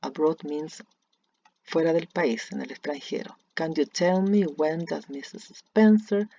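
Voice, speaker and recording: An English teacher with a Chilean Spanish accent explains grammar slowly and deliberately, repeating each example sentence. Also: mid-range voice, gravelly, warm tone, dull audio. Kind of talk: recorded lesson explaining grammar.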